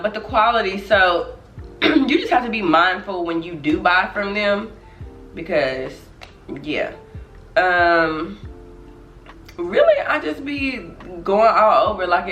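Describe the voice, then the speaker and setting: A woman's voice: lowish voice, recorded from a distance, lo-fi sound. Slightly nasal woman vlogging. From Dallas, Texas. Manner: chatty and relaxed, laughs often. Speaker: vlogger host. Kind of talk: casual chat to camera. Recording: echoey room, voice off-mic, faint music.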